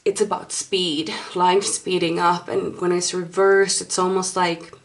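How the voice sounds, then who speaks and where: Slow, hesitant Finnish woman. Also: lowish voice, level tone. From Finland. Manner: hesitant and apologetic, searching for words. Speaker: tarot reader. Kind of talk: casual tarot card reading.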